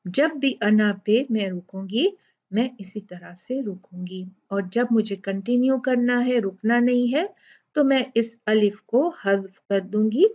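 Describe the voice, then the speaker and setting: A woman's voice: medium pitch, darkish tone, highs cut off. A woman teaching Quran recitation rules, explaining each point patiently and repeating examples. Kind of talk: tajweed lesson.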